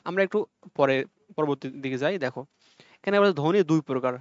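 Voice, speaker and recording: A man's voice: fairly high pitch, fast talker, no echo. A young man teaching an exam-prep lesson, explaining step by step and repeating key points to check that students follow. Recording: dull lo-fi audio.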